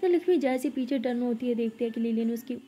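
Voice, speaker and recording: A young woman narrating a story in a loose, chatty way, full of fillers and asides. Her voice is high and mellow, with a soft, unhurried delivery. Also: slight background noise. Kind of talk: casual spoken storytelling.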